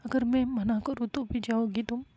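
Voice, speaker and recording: Tearful young woman, whispered role-play, breathy and raised, woman doing her. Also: fairly high pitch, fairly even intonation, normal speed, dark tone, no room sound, voice pushed up, close to an everyday voice.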